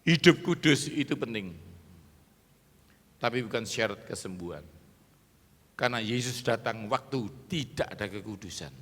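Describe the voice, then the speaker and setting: Middle-aged preacher guy, emphatic, bright voice, long echo from a big church hall. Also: on the low side, lively intonation, moderate pace, pauses often. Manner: emphatic, rousing, calls for amens and applause. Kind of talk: sermon.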